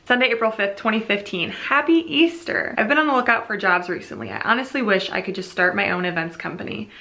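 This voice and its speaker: A woman's voice: medium pitch, lively intonation, quick pace, bright, forceful tone. A woman in her late twenties chatting casually and earnestly to camera as a vlogger, sometimes reading aloud. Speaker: YouTube vlogger. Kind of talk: casual chat to camera, reading old journal entries. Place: small furnished room at home.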